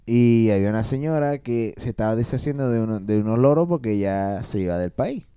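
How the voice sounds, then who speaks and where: A man with a Venezuelan accent telling a teenage memory in animated, slangy chat. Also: medium pitch, brisk, clean tone. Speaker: podcast co-host. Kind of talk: casual storytelling among friends.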